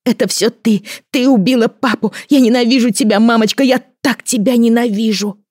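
A woman acts out an enraged child monarch for an audiobook, his voice pitched high and pushed loud. He shouts in hysterical bursts, and the sound is dry with no room around it. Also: moderate pace, no room sound, natural voice. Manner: shouting, sobbing commands. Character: young boy king, angry and hysterical.

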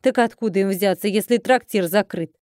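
Tasya, woman voicing a gruff innkeeper. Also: mid-range voice, fairly quick, darkish tone, no echo, studio quality, close to an everyday voice. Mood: grumbling.

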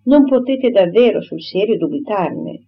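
A woman's voice: medium pitch, lively intonation, measured pace, a little hiss or hum. A woman voicing a flowery, self-important young clergyman who courts effusively and takes offense, on a dull lo-fi recording. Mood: ardent. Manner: effusive, formal and wounded pride.

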